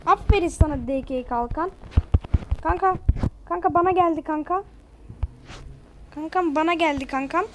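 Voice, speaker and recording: Woman gamer doing casual play-by-play; very high, excitable voice, quick to scold teammates. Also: background noise. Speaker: gamer streaming their own play. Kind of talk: casual gameplay commentary.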